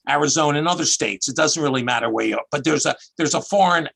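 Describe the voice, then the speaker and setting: Speaking fast in a creaky, somewhat high and slightly bright voice, this Philadelphia-area tax accountant in his sixties rambles through chatty work stories as a video-call guest. The audio is slightly rough.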